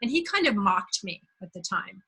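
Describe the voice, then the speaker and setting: A woman from Belgium hosting a conversation, telling a personal story in a reflective, unhurried way. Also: mid-range voice, sing-song, pushed and bright, slightly rough, rough recording. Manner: reflective, unhurried, searching for words. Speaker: host.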